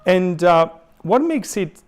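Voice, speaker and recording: A man from southern Italy with an Italian accent giving an adult education lecture, thoughtful, pausing often with fillers and restarting his sentences as he reads and explains quotations. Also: sits high, very animated, a little mellow.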